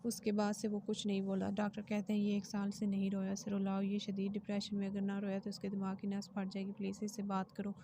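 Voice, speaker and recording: A woman's voice: mid-range voice, monotone, quick pace, few pauses, slight background noise, lightly acted. A woman reading the part of a worried young man in a storybook novel, begging urgently for help. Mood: pleading. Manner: urgent, pleading.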